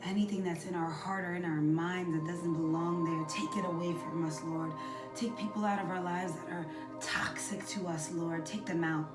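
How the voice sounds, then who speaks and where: A young woman with a lowish voice leads earnest prayer and workout encouragement while holding a wall sit. She is some distance from the mic in an echoey room, with meditation music playing loudly behind her. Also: fairly even intonation, moderate pace. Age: young adult. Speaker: host of a faith and fitness challenge. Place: small indoor room at home. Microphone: camera a few metres away.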